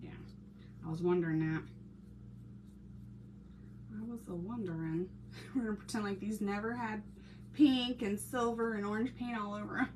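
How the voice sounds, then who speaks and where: A woman's voice: medium pitch, steady tone, moderate pace, pauses often, darkish tone. A woman with a Texan accent chatting casually on a live stream while she paints crafts, laughing often and greeting viewers by name. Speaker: craft channel host reading live chat. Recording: noisy background hiss.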